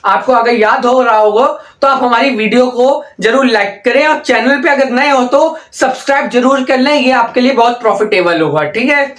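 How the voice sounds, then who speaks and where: A man teaching pharmacy students, drilling terms slowly with constant "okay?" check-ins and call-and-response repetition. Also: very high voice, a bit bright. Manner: slow, drawn-out repetition of terms, frequent "ठीक है?" check-ins. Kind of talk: exam-prep lesson with call-and-response drilling. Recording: echoey room.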